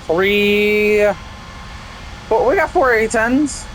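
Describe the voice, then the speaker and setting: A man's voice: high voice, very slow, a bit bright, slight background noise. A young man casually commenting while playing a flight game, rambling and chatty with frequent restarts. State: hiccups. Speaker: gameplay streamer.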